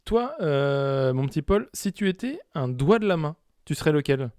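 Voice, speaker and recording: A man's voice: on the high side, sing-song, moderate pace, darkish tone, clean tone, dry recording, clean studio sound. A young man co-hosting a podcast in a casual, teasing chat, asking playful questions. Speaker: podcast co-host.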